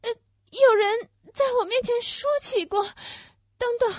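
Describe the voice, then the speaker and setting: A woman's voice: very high-pitched, no echo. A woman playing a tender, fading young lover. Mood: frail. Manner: breathless, halting, tearful delivery. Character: young woman, loving and frightened, poisoned and fading. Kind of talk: Chinese radio-play acting. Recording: dull lo-fi dry recording.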